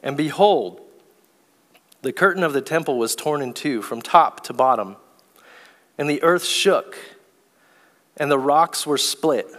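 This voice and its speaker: Male preacher, high voice, slow deliberate delivery, long church reverb. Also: animated, fairly bright tone. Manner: slow, deliberate preaching, reads scripture aloud. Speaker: pastor. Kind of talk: sermon. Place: church sanctuary.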